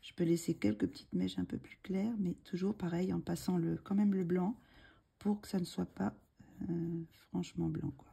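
Gravelly low-voiced woman, hesitant tutorial. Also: fairly even intonation, moderate pace, warm tone. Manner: hesitant, many fillers and restarts, murmurs asides while working. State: slight frog in the throat. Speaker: coloring tutorial host. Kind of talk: casual tutorial talk while drawing.

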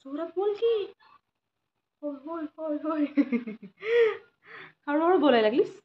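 A woman's voice: high-pitched, animated, slow pace, dull audio, slight background noise. A young woman chatting playfully with a toddler in a home vlog, coaxing and teasing in a sing-song baby-talk voice. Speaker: vlogger.

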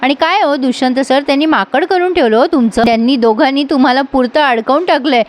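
A young man pressing hard with question after question, voiced by a woman storyteller. His tone is insistent and probing, and the pitch sits high. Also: fairly quick, close to an everyday voice. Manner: pushy, probing.

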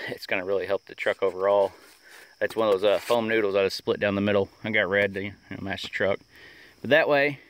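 A homesteading vlogger in his thirties, with a lowish, clear, resonant voice, rambles through a how-to in a rural yard with lots of "uh" fillers. He holds a phone camera at arm's length, and crickets and insects buzz behind him.

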